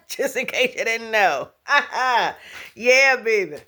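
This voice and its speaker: A spiritual teacher with a fairly high, pushed, bright voice talks casually to her viewers, very animated yet very slow. She laughs often, hums and scats between thoughts, repeats and restarts words, and calls her audience pet names.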